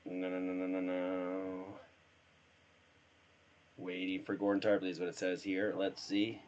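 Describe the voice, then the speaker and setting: A man with a hoarse voice from being sick, chatting casually and thinking aloud while setting up a live stream and playing a game. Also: deep voice, completely flat delivery, measured pace, darkish tone, lo-fi sound.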